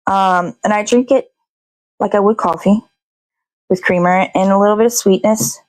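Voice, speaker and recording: Cooking in her home kitchen, a woman hosting a show rambles and thinks aloud, dropping in sing-song asides. Her mid-range voice is a little mellow with fairly even intonation and a moderate pace, though the audio is poor.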